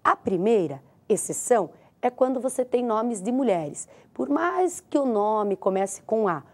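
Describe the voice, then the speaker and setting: Brazilian woman teacher, lively intonation, patient and direct with the viewer. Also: on the high side, unhurried. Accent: Brazilian Portuguese. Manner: patient, explanatory, addresses the viewer directly with rhetorical questions. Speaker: Spanish teacher. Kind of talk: recorded classroom lesson.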